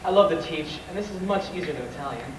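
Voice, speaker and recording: A man's voice: fairly high pitch, animated, fast, lightly acted. A man playing a shy, stammering suitor. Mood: tender. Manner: hesitant, stammering, tender. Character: shy gentle young male tutor courting. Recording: echoey distant old recording with loud hiss.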